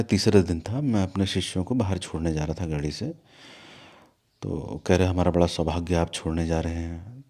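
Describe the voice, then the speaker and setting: A man who runs an ashram, telling a story in an interview and turning to a scolding lecture. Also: deep voice. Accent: Hindi, from north India. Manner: animated, scolding at times. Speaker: guru of an ashram.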